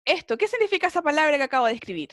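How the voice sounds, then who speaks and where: Woman, English teacher, online class, video call mic, encouraging, high voice, dry sound. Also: very animated, rapid-fire, fairly bright tone, dry recording. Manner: encouraging, often checks with "¿cierto?".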